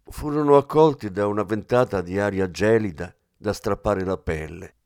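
Low-voiced man narrating an audiobook. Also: darkish tone, clear, resonant tone, no room sound, clean studio sound. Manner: measured, descriptive.

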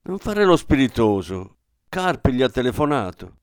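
A man voicing a sharp-tongued, practical middle-aged wife in a dramatic radio reading. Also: medium pitch, sing-song, a little slow, clear, resonant tone, dry recording, clean studio sound. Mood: sharp nagging. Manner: curt and irritated.

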